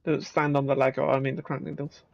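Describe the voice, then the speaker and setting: A man's voice: mid-range voice, level tone, fast talker, vocal fry, muffled recording, a little hiss or hum. A man with a South Wales Valleys accent in casual, sweary, joking banter. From Caerphilly, Wales. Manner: sweary, joking, laughs often.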